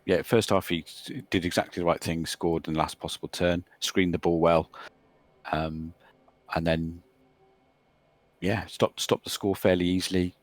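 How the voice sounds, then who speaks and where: A man's voice: low voice, steady tone, moderate pace, no echo. A man casually recapping his tabletop game matches, talking hesitantly with many restarts. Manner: hesitant, restarts sentences, trails off. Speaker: Blood Bowl player recapping his games. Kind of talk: casual chat over game replay.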